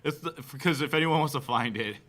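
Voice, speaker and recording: A man co-hosting a baseball fan livestream, excitable and quick to laugh. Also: a little high. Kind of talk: casual fan chat.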